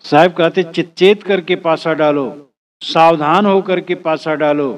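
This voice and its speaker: A man's voice: on the high side, steady tone, measured pace. A man giving a religious discourse, reciting verses and explaining them phrase by phrase in an earnest, exhorting way. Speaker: spiritual teacher.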